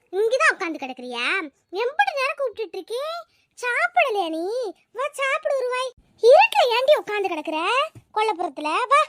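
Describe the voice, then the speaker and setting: A woman voicing a sharp-tongued old village grandmother in a cartoon, with a scolding, grumbling manner. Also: extremely high pitch. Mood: worried. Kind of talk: cartoon voice acting.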